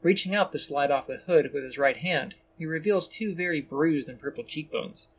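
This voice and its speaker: Brief: male storyteller, slightly raised pitch, steady descriptive reading, faint background noise. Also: moderate pace. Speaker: narrator. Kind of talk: scripted story narration.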